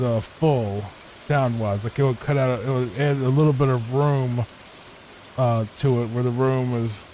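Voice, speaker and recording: A man's voice: mid-range voice, warm tone, a little hiss or hum, rough recording. Laid-back Virginian man, sleepy gameplay chat. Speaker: gameplay channel host. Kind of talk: soft sleep-aid gameplay commentary. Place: home room, not a booth. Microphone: studio microphone with added EQ.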